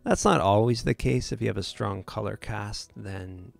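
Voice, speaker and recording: A man's voice: lowish voice, moderate pace, vocal fry, faint music behind. A man hosting a live photo editing tutorial, talking casually with many fillers and restarts.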